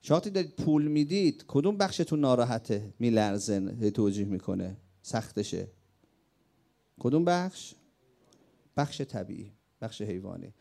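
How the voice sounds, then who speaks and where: Gravelly, dark-voiced male preacher. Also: fairly low pitch. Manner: animated, rising to emphatic outbursts and questions to the audience. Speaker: preacher and war veteran. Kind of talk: religious sermon with war memories.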